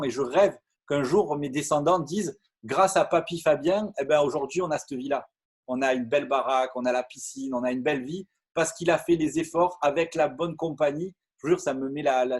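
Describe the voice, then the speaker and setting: A middle-aged man from France, speaking in a somewhat high, husky voice. He tells his story to a crowd with eager energy, stumbling and repeating words as he goes. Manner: lively, repeats words and stumbles, many fillers. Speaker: network marketing speaker. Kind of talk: animated storytelling talk to an audience.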